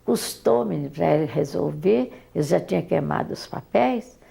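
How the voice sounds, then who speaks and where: An older woman with a Brazilian accent gives oral history testimony. Her voice is heavily gravelly and dark, a little low for a woman. She talks haltingly and often repeats and restarts her words. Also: lively intonation. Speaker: interviewee, mother recalling her daughter.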